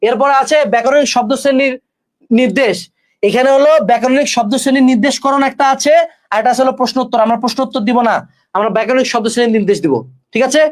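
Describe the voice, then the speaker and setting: A man's voice: very high voice, quick pace. A male exam-prep tutor, giving students brash, joking study advice and talking straight to them. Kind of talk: energetic study-tips lesson with course promotion.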